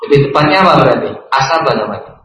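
Male preacher, mid pitch, measured delivery, roomy and dull recording. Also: lively intonation, a bit bright. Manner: repeats a set blessing, slow pauses, asks and answers himself. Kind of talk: religious lecture.

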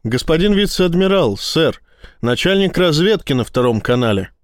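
A man's voice: a little high, sing-song, moderate pace, no echo, studio quality, voice pushed up. A man voicing a deferential male intelligence chief who answers formally and defensively. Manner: formal, defensive, repeating "sir".

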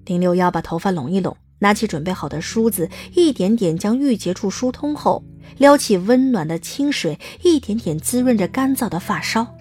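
A woman's voice: medium pitch, animated, normal speed, darkish tone, faint music behind. A woman reading scripted narration as the narrator of a dramatised audiobook.

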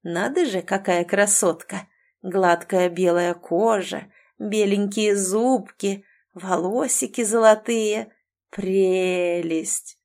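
Give me a woman playing a sly, leering toothless bandit man with a slow drawl. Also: mid-range voice, a little mellow.

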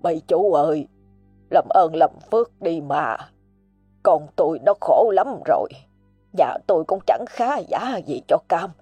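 A woman's voice: low voice, animated, a little slow, dark tone, breathy edge, dry recording, soft background music, heavily acted. A woman voicing a poor, frightened elderly father who stammers and begs. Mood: pleading. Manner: stammering, pleading.

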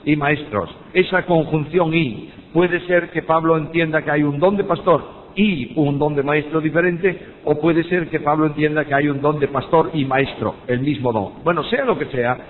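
An older man with a Spanish accent from Spain teaches about preaching, speaking emphatically and putting rhetorical questions to his listeners. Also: normal speed. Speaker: Bible teacher. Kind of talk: teaching on preaching, with personal anecdotes. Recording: tinny phone-like audio with long hall reverb and faint rumble.

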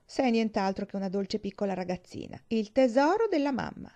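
A woman's voice: medium pitch, expressive, brisk, dark tone, close to an everyday voice. A woman reading aloud, voicing a boy who mocks and teases another child. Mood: mocking. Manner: mocking. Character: teasing boy, mocking bully. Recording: dull lo-fi recording.

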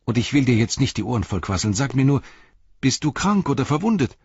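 A man reading aloud and voicing an eager, worried young male hobbit in a higher, quicker voice. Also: sing-song, darkish tone, husky, no room sound, lo-fi sound, full character voice. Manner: quick, raised and anxious.

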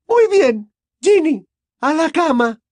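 A man doing a shrill, fierce witch mother. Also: expressive, moderate pace, dry recording. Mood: furious. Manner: shrill, strained, near shouting. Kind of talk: audiobook character voice.

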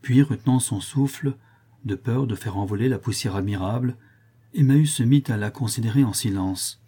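A man narrating a classic tale as an audiobook in a measured, solemn manner. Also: medium pitch, warm tone, husky.

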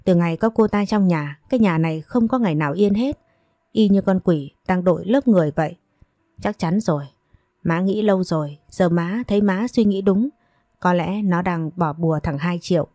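A woman's voice: fairly low pitch, moderate pace, mellow, dry recording, studio quality, lightly acted. A woman voicing a bitter, domineering older mother who scolds and wails in self-pity. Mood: spiteful.

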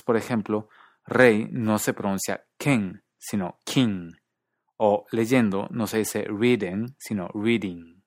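A man narrating a scripted lesson on English accents, calmly demonstrating vowel sounds. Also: lowish voice, no echo, studio quality. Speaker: host of a linguistics video series.

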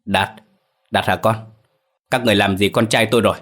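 A man voicing a stern older father whose hoarse voice trembles. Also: on the low side, steady tone, brisk, fairly bright tone, natural voice. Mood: alarmed.

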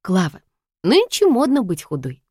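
A woman reading an audiobook voices a stern, sharp-tongued elderly grandmother who speaks slowly and tartly. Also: medium pitch, wildly swooping pitch, husky, no room sound, clean studio sound, voice pushed up, exaggerated voice. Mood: sarcastic. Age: over 60 (figure). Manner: slow, clipped, tartly sarcastic.

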